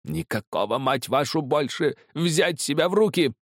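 A man's voice: on the low side, very animated, takes it slowly, smooth, no echo, studio quality, voice pushed up. A man voicing a drunk, broken old male spy who raves and screams in a trembling, rattling, slightly lisping voice. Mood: screaming threats. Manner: shrieking, raving, trembling voice.

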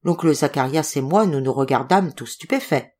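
A woman narrating an audiobook in an expressive storytelling manner. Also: low voice, normal speed. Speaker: volunteer audiobook reader.

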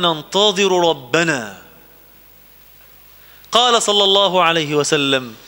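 High, bright-voiced Egyptian preacher. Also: male voice. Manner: mixes classical scripture quotes with colloquial asides, asks the audience questions. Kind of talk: sermon. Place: mosque.

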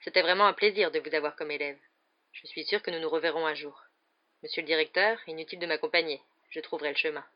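A reader doing a gentle, weary male teacher. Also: mid-range voice, close to an everyday voice. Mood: kind. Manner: calm, quiet, measured. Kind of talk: audiobook character voice. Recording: slightly dull lo-fi recording.

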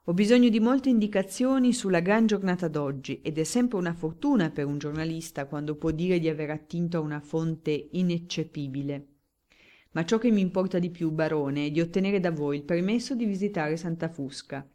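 A woman's voice: on the low side, moderate pace, dark tone, close to an everyday voice. A woman doing a glib, declaiming male journalist. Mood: eager. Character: talkative, flattering male newspaper journalist. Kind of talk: audiobook character reading.

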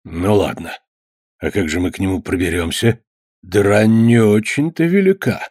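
A man voicing a middle-aged farmer father who speaks in a low, grumbling, gruff way. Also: animated, moderate pace, darkish tone, no room sound, clean studio sound.

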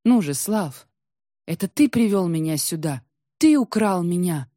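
A woman's voice: on the low side, lively intonation, a little slow, dark tone, no echo, clean studio sound. A woman voicing a proud, bitter young tsaritsa who speaks coldly and insistently in a storybook reading. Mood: pleading. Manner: cold, prickly, insistent.

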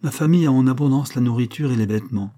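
A man's voice: medium pitch, quick pace, natural voice. A man reading a proud, earnest working man. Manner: earnest, steady, plain-spoken. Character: proud plain-spoken working man from the north. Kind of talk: audiobook character reading.

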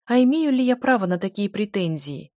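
A woman's voice: mid-range voice, very animated, brisk, darkish tone, no room sound, clean studio sound. A woman narrating a first-person romance audiobook in an emotive reading style.

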